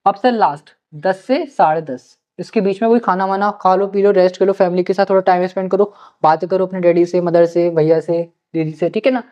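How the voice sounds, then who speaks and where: A man's voice: high-pitched, steady tone, a little fast, hardly any pauses, darkish tone. A male teacher giving study-planning advice to students, coaxing them and repeating his key points. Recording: slightly muffled lo-fi recording.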